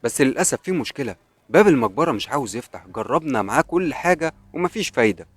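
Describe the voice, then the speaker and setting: A man with an Egyptian accent voicing a pregnant young wife, an archaeologist, speaking quickly and eagerly in a slightly raised voice. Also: mid-range voice, sing-song, breathy edge, no echo, pitched above the performer's own voice. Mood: worried. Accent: Egyptian Arabic.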